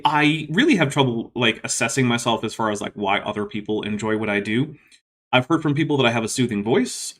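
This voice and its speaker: A YouTube host answers viewer questions during a casual livestream, rambling reflectively with plenty of fillers and restarts. His voice is medium-pitched and fairly bright, and listeners describe it as soothing.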